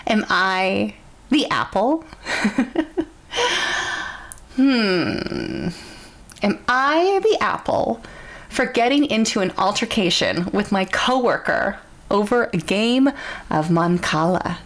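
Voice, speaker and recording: A woman with a medium-pitched, expressive voice reads a story aloud casually and conversationally, theatrical and amused, pausing and murmuring asides.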